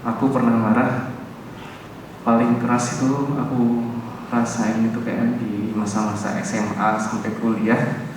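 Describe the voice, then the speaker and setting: A man's voice: medium pitch, flat delivery, a little slow, pauses often. A young man leads a youth service in a conversational way, asking listeners questions between scripture readings. His voice rings through a large, reverberant hall from some distance off the mic, with faint room noise behind. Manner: conversational, asks the audience questions, reads scripture aloud. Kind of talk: casual youth sermon with audience interview. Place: church hall. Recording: echoey hall, mic far off.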